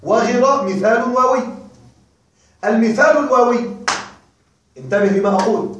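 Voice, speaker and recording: A male teacher giving a classroom grammar lecture, repeating and drilling examples slowly and quizzing his students. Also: very high voice, slight background noise. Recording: very echoey room, mic far off.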